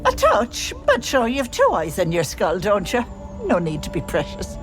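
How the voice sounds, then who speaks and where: A woman's voice: medium pitch, huge pitch swings, moderate pace, music in the background. A woman voicing a bossy, sly old auntie hag in a video game, folksy and cajoling, with menace under the sweetness. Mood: wheedling, sly.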